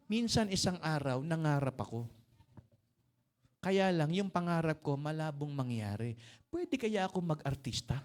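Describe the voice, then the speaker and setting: A pastor with a fairly high voice preaches in a church. He tells a funny story in the middle of his sermon and teases people in the pews by name. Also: expressive, moderate pace, darkish tone. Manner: joking, teasing the congregation by name. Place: church sanctuary.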